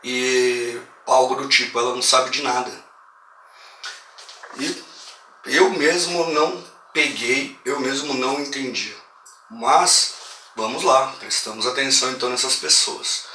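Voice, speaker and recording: Brazilian guy telling a horror movie story, slangy and lively, bright voice, echoey room. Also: medium pitch, unhurried, pauses often, far from the mic. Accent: Brazilian Portuguese. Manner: slangy, animated retelling that acts out quoted lines. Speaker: horror film reviewer. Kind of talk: casual film recap. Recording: roomy echo, voice a bit off-mic, faint hiss.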